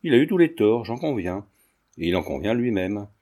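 A man's voice: on the low side, very animated, moderate pace, mellow. A man voicing an earnest young man who speaks defensively, in a storybook reading.

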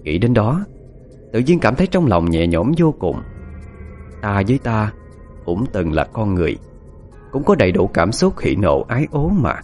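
A man narrating a first-person ghost story in a hushed, suspenseful, expressive way. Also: fairly low pitch, moderate pace, long pauses, soft background music.

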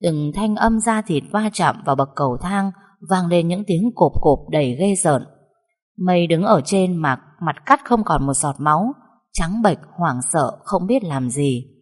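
A woman narrates a dramatic story in a low, measured voice. Her reading is calm and emotive. A long hall reverb trails each line.

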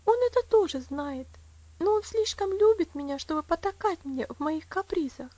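A woman's voice: very high-pitched, lively intonation, normal speed, dark tone, dry recording, lo-fi sound, pitched above the performer's own voice. Woman voicing an eager, heartfelt little girl. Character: devoted little girl, earnest and tender. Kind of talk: audiobook character voice.

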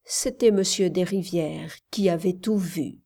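Slow, measured woman narrator. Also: fairly low pitch. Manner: measured, calm storytelling. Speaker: audiobook narrator. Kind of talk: scripted audiobook narration.

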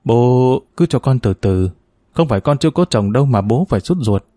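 A man voicing a stubborn young daughter who pleads softly and slowly with her father, in a narrated story. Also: mid-range voice, lively intonation, no room sound, studio quality, natural voice. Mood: pleading.

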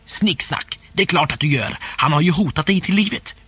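A man's voice: on the high side, animated, bright, forceful tone, slightly rough, dry recording, full character voice. A man reading a scoffing twelve-year-old boy. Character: blunt boy of about twelve, scornful friend. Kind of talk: audiobook reading.

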